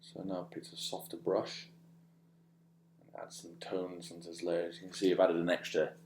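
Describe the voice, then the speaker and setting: A man giving a casual, unscripted voice-over demo as a digital artist, speaking in a halting, musing way. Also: low-pitched, monotone, a little mellow, roomy sound, a little hiss or hum. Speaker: digital artist demonstrating own work.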